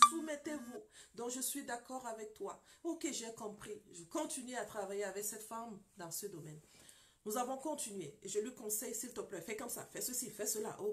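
Emphatic woman preacher, bright voice. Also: a little high, fairly quick, slight background noise. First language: French-speaking, broken English. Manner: emphatic, dramatic storytelling with acted quotes. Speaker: pastor and marriage counselor. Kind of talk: sermon testimony.

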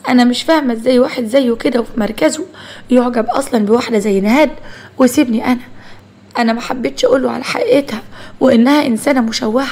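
Brief: mocking jealous young Egyptian woman, read by a female narrator, fast, a bit high. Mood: defiant. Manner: sharp, mocking.

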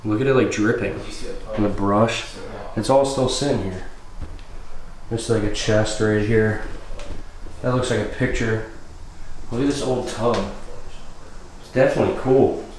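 A young man hosting a casual video walkthrough of an abandoned property, excited and peppering his talk with "like", walking outdoors and through empty rooms. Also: on the low side, a little slow, pauses often, low-quality recording. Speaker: urban explorer host. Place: outdoors on rural land, then inside an empty house.

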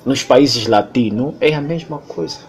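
A man's voice: medium pitch, unhurried. A man from Angola with an Angolan Portuguese accent, speaking in an emphatic, lecturing monologue with a lot of repetition. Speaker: interviewee. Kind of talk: impassioned monologue.

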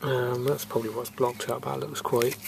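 A man's voice: mid-range voice, flat delivery, normal speed, gravelly, background noise. A man, a refrigeration technician, casually talks through what he is showing, thinking aloud with fillers in a matter-of-fact way, recorded outdoors on a camera mic. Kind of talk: casual hands-on narration. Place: outdoors in a yard.

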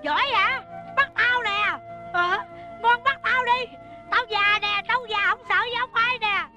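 Một phụ nữ đóng vai bà mẹ đang than khóc, kể lể, giọng miền Nam, trong một vở hài sân khấu. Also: female voice, expressive, moderate pace, highs cut off, over music. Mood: wailing. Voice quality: shrill and tearful, sobbing lines. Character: grieving mother, wailing, melodramatic. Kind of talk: stage comedy sketch with sung laments.

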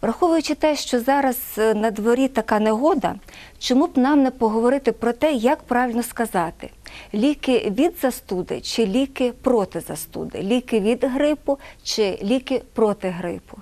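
Woman presenter with a higher voice. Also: animated, moderate pace, darkish tone. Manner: conversational, addresses viewers. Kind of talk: presenting a segment.

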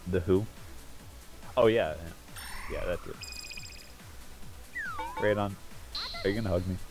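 A man's voice: low-pitched, music in the background. A man in casual, joking banter with friends while playing a video game. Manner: goofy, joking, quick banter. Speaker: gamer.

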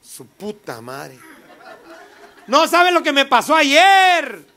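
A man's voice: extremely high pitch, wildly swooping pitch, takes it slowly, pushed and bright, some chatter behind. A man with a Mexican Spanish accent doing profane, rowdy stand-up comedy, laughing often and teasing the audience. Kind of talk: stand-up comedy with crowd work.

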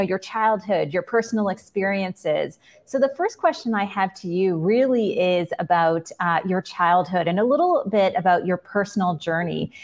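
A woman in her forties moderates a virtual fireside chat and leads with friendly, well-paced questions. Her voice is on the low side, with an occasional filler. She comes through a video call. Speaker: interviewer, moderator.

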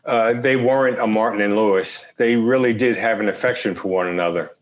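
A man's voice: lowish voice, a little fast. Older man hosting a video call interview. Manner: relaxed, conversational questioning. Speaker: host. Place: home room, indoors. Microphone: video call, webcam.

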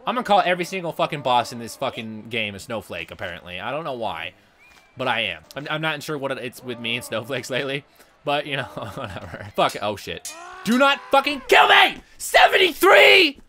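Young male let's-play host, loud, profane, excitable; bright, tense tone. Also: medium pitch, a little fast. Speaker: gaming channel host.

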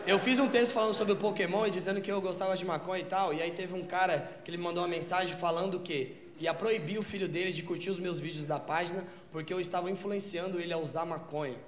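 A young man doing a stand-up comedy set, slangy and profane, bursting into shouts. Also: sits high, steady tone, quick pace, few pauses, a little hiss or hum. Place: comedy stage before a live audience. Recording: roomy live club with crowd laughter.

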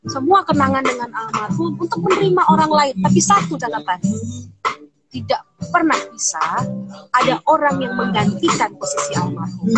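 A woman with a high, bright-pitched voice talks through a phone on a live stream. She gives counsel in a casual, emphatic and reassuring way. Loud music plays behind her. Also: animated, moderate pace, rough recording. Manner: emphatic, warmly reassuring advice. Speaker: psychology consultant. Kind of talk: casual livestream chat. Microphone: phone on a live video stream.

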